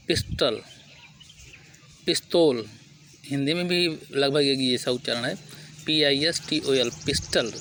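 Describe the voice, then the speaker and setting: A man with an Indian accent teaching English pronunciation, repeating each word slowly, spelling it out letter by letter, and asking and answering his own questions. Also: medium pitch, background noise. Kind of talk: spoken vocabulary lesson.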